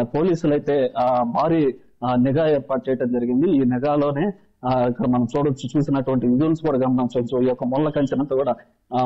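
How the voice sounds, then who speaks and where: Male field reporter, rapid but halting live delivery, muffled lo-fi broadcast feed. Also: medium pitch. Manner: halting, repetitive delivery with false starts. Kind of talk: live on-the-spot news report.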